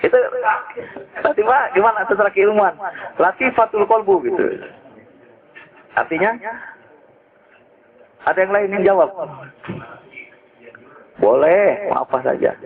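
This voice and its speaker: A man's voice: high voice, unhurried, pauses often. A man preaching in a casual, storytelling way, joking and asking his listeners rhetorical questions. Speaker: Islamic preacher. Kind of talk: casual religious teaching talk. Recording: tinny lo-fi phone-like recording.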